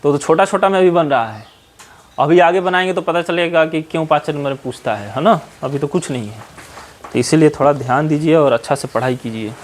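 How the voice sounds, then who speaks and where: Man, Bihari Hindi accent, maths teacher, classroom lecture, slightly high voice, faint background hiss. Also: a little fast. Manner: scolding, advising, with frequent "है ना?" tag questions. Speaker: mathematics teacher. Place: classroom with whiteboard.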